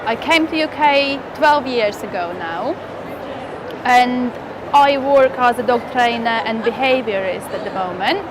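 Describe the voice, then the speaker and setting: A woman's voice: a little high, lively intonation, measured pace. A woman from Latvia, a dog trainer giving an enthusiastic testimonial in simple phrasing with small grammar slips. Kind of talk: testimonial interview. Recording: clear outdoor noise.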